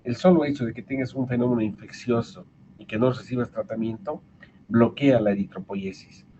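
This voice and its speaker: Male lecturer, Bolivian Spanish accent, patient explanatory delivery with restarts, mid pitch, muffled lo-fi call audio with faint hiss. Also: a little fast, mellow. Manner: explanatory, repeats and restarts words. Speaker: medical lecturer. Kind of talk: online medical lecture. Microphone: video call. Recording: dull lo-fi video call audio with faint noise.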